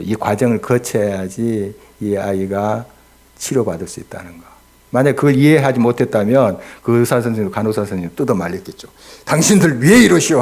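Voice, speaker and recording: Male pastor, sermon at a prayer meeting: low, husky, gravelly tone, earnest, builds to loud emphasis. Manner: earnest preaching that swells loud on key words, with rhetorical questions. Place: church.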